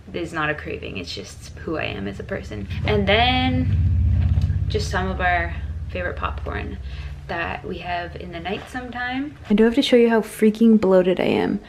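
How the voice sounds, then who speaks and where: A woman's voice: medium pitch, slight background noise, low-quality recording. A young woman, early in pregnancy, chatting casually to camera as a vlogger, full of "like" and "freaking".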